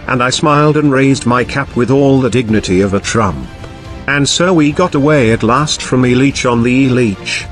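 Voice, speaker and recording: Measured male audiobook narrator. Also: medium pitch. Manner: measured, old-fashioned storytelling.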